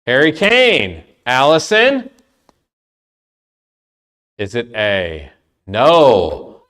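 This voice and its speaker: A man leading a trivia game for a church youth group, talking playfully and sometimes loud. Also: mid-range voice, drawn-out words. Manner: playful, lively, loud at times.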